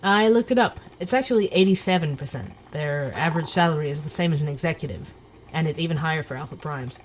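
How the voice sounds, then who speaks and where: In an audio drama, an actor voices a sardonic, suspicious young night-shift barista who narrates a podcast in a wry, conspiratorial, conversational way. His male voice is fairly high and natural, and he talks fast, though the audio is poor with slight background noise.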